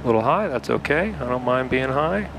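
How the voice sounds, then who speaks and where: A man from Salt Lake City, Utah, flies a home-built flight simulator and keeps up an easygoing running commentary, talking himself through the cockpit checklists. His mid-range voice is expressive, creaky and a little fast, with background noise behind it.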